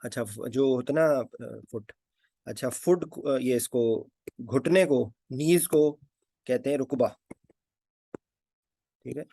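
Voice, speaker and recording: Man teaching with a gravelly voice. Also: medium pitch, slow pace, pauses often, mellow, no echo. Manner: hesitant, many fillers, repeats key words. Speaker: anesthesia teacher. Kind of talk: informal spoken lesson.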